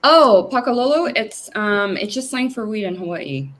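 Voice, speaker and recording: A woman's voice: medium pitch, animated, moderate pace, a bit bright. A woman, president of a company, talking as the guest in a casual interview over a video call, chatty and full of fillers. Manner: chatty, with many fillers and restarts.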